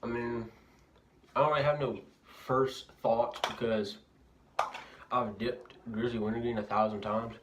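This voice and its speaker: A man's voice: mid-range voice, fairly even intonation, a little slow. A young man talking casually with a lip full of dip, reviewing a product in a bathroom. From Louisiana, United States. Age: young adult. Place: indoors, bathroom at a house. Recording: noisy amateur bathroom recording, clicks.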